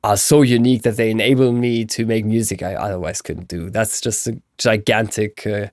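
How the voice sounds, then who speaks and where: A man in his thirties, a software specialist guesting on a podcast, talking casually and with enthusiasm. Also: fairly low pitch, fairly even intonation, normal speed, no echo, clean studio sound. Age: 30s. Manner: enthusiastic, laughs easily. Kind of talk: casual conversation.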